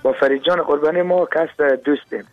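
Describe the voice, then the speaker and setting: A man's voice: on the high side, steady tone, narrow, tinny audio, soft background music. A man from Herat speaking with a Herati accent, a guest singer on a radio show, courteous and brief in his replies. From Herat, Afghanistan.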